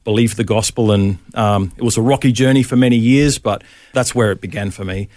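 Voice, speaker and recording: A man's voice: on the low side, brisk, darkish tone, no echo, studio quality. A middle-aged Australian man, a pastor, telling his faith story in a casual interview, with many ums and restarts.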